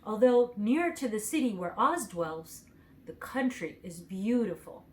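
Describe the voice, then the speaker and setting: A woman's voice: mid-range voice, sing-song, unhurried, poor audio. A woman voicing a kindly male tin woodman while reading a children's storybook aloud. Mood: reassuring.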